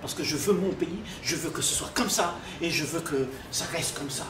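An older man speaking at a public dialogue in a library, calm and teaching, often checking he is understood. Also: fairly high pitch, moderate pace. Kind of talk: spiritual dialogue with audience. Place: library reading area, indoors. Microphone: far room microphone. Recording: echoey room, distant mic, noisy.

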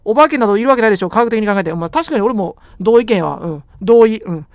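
A man's voice: high-pitched, lively intonation, fast talker, no echo, clean studio sound. A young man with a Kansai accent giving joking, rambling commentary while playing a horror game. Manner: joking, rambling, self-deprecating banter. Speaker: game streamer.

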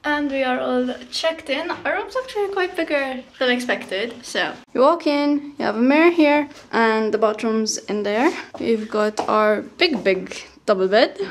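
Walking around a city's streets and stadium grounds, a young travel vlogger holds her camera at arm's length and chats about her plans, laughing frequently. The woman, in her twenties, speaks a little slowly in a high pitch, barely pausing, with slight background noise.

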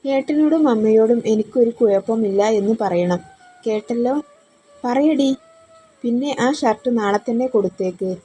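A woman's voice: a little high, normal speed, dark tone, faint music behind, lightly acted. A woman voicing a kind, easygoing young man who speaks in a friendly, reassuring way.

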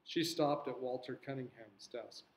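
Man reading a novel to a class, mid-pitched voice, casual asides, echoey room. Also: a little slow, lo-fi sound, a little hiss or hum. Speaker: teacher reading a novel aloud. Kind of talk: reading aloud with explanations.

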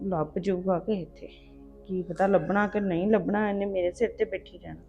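An actress playing a sharp-tongued mother and sister-in-law who scolds and mocks. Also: fairly low pitch, fairly even intonation, fairly quick, muffled recording, soft background music, close to an everyday voice. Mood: grumbling. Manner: scolding, sarcastic. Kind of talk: comic family drama.

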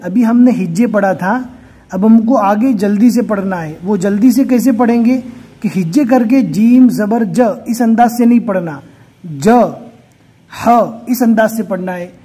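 A man's voice: high voice, dark tone, breathy edge. A man teaching Quran reading step by step, patiently sounding out letters one by one. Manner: patient, repeats each letter sound slowly. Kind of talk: slow, step-by-step recitation lesson.

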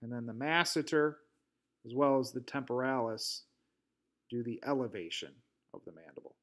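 A man's voice: mid-range voice, normal speed, fairly bright tone. A man giving a recorded anatomy lecture, explaining step by step over drawings with some fillers and restarts. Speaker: instructor. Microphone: voice-over narration over drawings.

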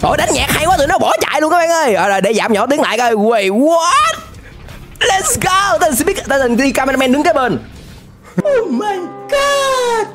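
A man gives excited reaction commentary, often shouting and dropping English exclamations. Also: very high voice, a little fast, music in the background. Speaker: YouTuber reacting to an animated series.

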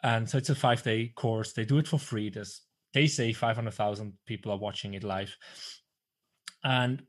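Swiss guy in his 30s hosting a video call interview, animated, talks with his hands, desk mic at home. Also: lowish voice, normal speed. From Switzerland. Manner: animated, gestures a lot, swears when flustered. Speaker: podcast host. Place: small room at home. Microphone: desk microphone on video call.

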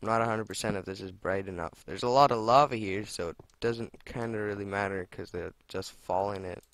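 A young man with a lowish voice talks through his gameplay in a loose, chatty way. He swears and exclaims freely at every find and mishap. A faint hiss sits under his desk mic. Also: brisk, fairly bright tone. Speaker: let's play gamer. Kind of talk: casual gameplay commentary.

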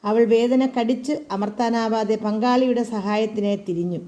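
A woman narrates a literary folk tale aloud. She reads in a deliberate, careful way. Her voice is somewhat high for a woman. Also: steady tone, warm tone. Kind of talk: storybook narration.

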